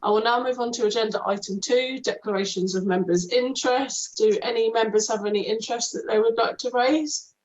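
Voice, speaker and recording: A woman's voice: a little high, brisk, a little mellow. A woman chairing a formal committee meeting over a video call, reading out the procedure with the odd hesitant um. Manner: reads procedure aloud with hesitant ums. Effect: heard over a video call. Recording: dull lo-fi video call audio.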